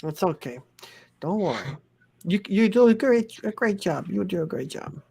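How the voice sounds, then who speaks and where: Deadpan livestream host reading chat. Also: male voice, high-pitched, moderate pace, gravelly, breathy edge. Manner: reads chat aloud, teasing, deadpan.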